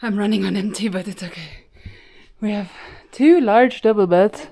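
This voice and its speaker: A woman's voice: medium pitch, moderate pace, dark tone. A woman chatting in a travel vlog, out of breath after a long climb, describing a guesthouse room. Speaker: travel vlogger. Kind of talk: casual travel vlog chat.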